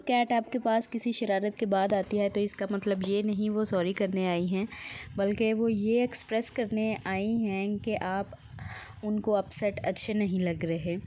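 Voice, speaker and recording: A woman calmly explaining pet behavior in a voice-over, mixing English words into her speech. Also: medium pitch, slight background noise. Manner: calm explaining, mixes English words into Urdu. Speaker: pet video host.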